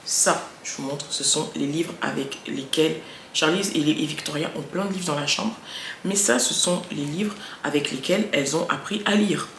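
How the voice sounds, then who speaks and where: A woman's voice: deep voice, normal speed, creaky, fairly bright tone. A mother chatting to camera with parenting tips, correcting herself as she goes and articulating with emphasis. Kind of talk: casual chat to camera. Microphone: wireless earbud. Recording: echoey room, faint background noise.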